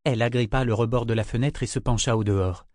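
Measured male audiobook narrator. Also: mid-range voice, fairly even intonation, darkish tone, dry recording, studio quality. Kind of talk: scripted fantasy narration.

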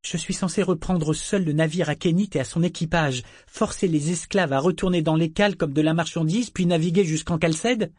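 A man's voice: fairly high pitch, fairly quick, few pauses, a little mellow, no room sound, clean studio sound, voice pushed up, natural voice. A man voicing an anxious fourteen-year-old boy who speaks earnestly and pleads with his father. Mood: pleading.

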